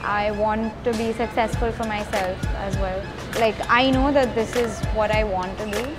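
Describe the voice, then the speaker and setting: A woman's voice: medium pitch, fairly even intonation, normal speed. A young adult woman, a breakdancer, speaking earnestly and with determination in a documentary interview. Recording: hip-hop music playing underneath.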